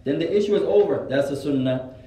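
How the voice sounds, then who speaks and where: A man teaching a religious studies class, repeating each point slowly so students can write it down. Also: a little high, expressive, warm tone, echoey room, far from the mic, poor audio. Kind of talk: classroom lesson, Arabic then English.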